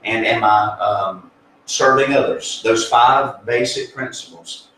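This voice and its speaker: Speaking slowly in a bright, forceful, medium-pitched voice, a male pastor explains faith conversationally, earnest and folksy, full of fillers and restarts. The echoey room, distant mic and faint ambience leave slight background noise.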